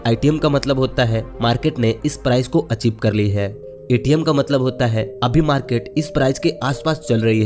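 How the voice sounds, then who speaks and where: A man's voice: medium pitch, a little mellow. A man teaching beginners step by step in a patient, explanatory tutorial style. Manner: patient, explanatory, says "dekhiye" often. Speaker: trading teacher. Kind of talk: screen-share tutorial.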